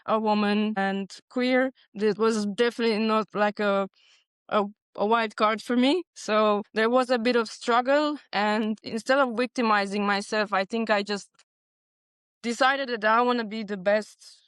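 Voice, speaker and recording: A woman's voice: mid-range voice, fairly even intonation, a little slow, a bit bright, smooth, dry recording. A woman in her forties from Transylvania, a Hungarian native speaker, talking earnestly and reflectively as a podcast guest. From Transylvania, Romania. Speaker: podcast guest, bar consultant. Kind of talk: casual interview chat.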